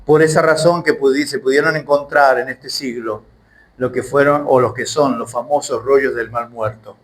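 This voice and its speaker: A man's voice: mid-range voice, steady tone, normal speed, rough recording. A man teaching the Bible in a sermon, emphatic and full of rhetorical questions.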